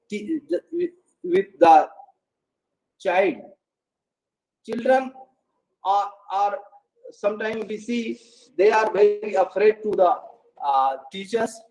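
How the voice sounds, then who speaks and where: A man's voice: high-pitched, dark tone, rough recording. A man giving a lecture on English intonation to learners, hesitant, with many fillers and restarts. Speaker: English pronunciation presenter.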